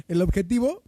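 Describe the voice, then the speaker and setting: A man's voice: very high-pitched, mellow, slightly rough, no echo. A young man with a Mexican accent, tipsy and joking in casual banter with friends on a livestream. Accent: Mexican Spanish. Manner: joking, swears freely, laughs often. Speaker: livestream co-host.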